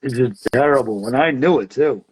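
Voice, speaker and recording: A man's voice: medium pitch, normal speed, a little mellow, slightly rough. A middle-aged man, telling stories as an interview guest in a loose, rambling way, laughing often and full of fillers. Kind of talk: casual storytelling interview. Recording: dull lo-fi sound.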